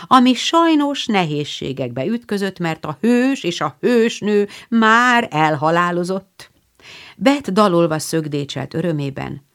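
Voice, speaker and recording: Expressive, low-pitched woman narrating. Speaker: audiobook narrator. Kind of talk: scripted narration.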